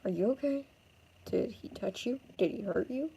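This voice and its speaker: A woman voicing a guarded, streetwise young man who talks quietly and curtly. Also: expressive, normal speed, gravelly, a little hiss or hum. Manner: low-key, quiet, curt.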